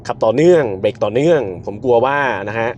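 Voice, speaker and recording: A man's voice: medium pitch, fast. Guy doing a car review from the driver's seat, voice swings all over, faint road hum behind. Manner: excited exclamations, counts down launches. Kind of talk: car review while driving.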